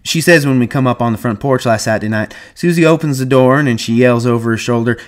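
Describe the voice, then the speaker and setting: A man's voice: mid-range voice, quick pace, voice pushed up, natural voice. A man reading aloud and playing a chatty young ranch hand who talks in an eager, gossipy drawl. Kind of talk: audiobook reading.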